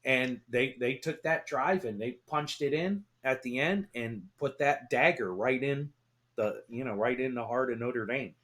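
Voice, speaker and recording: Excitable sports-radio man. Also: medium pitch, a little slow. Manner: excitable, swears, laughs, repeats himself. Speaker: talk radio co-host. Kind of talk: casual sports talk.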